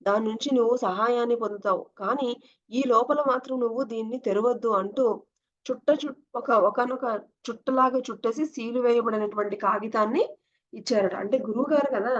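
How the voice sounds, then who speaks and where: A woman's voice: fairly high pitch, fairly quick, muffled recording. Woman telling a devotional story. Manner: explanatory, often addresses listeners directly.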